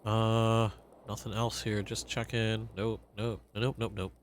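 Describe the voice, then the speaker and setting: Brief: male let's play host, low voice, chatty and joking. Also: little pitch movement, a little slow, a little hiss or hum. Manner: chatty, joking, talks to the game. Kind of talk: casual gameplay commentary.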